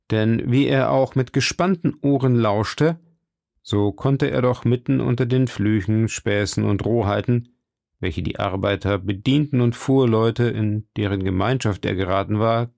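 A man reading a classic novel aloud in steady, measured scripted narration. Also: fairly low pitch, gravelly, no echo, studio quality. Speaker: audiobook narrator.

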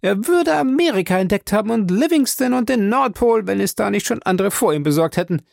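Guy doing a high gushing old lady, chatters on and on, lively swoops, dry sound. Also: fairly quick, vocal fry, no room sound. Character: chattering kindly older woman, flustered.

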